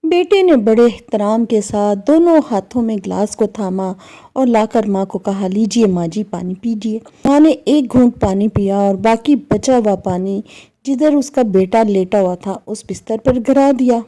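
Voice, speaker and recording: A woman's voice: on the high side, expressive, measured pace, warm tone. A woman narrating a moral story in an earnest, emotive manner, acting out the dialogue.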